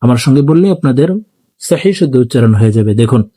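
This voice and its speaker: A man teaching Quran recitation, explaining pronunciation rules and then reciting verses slowly and drawn out for viewers to repeat after him. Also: medium pitch, animated, dark tone.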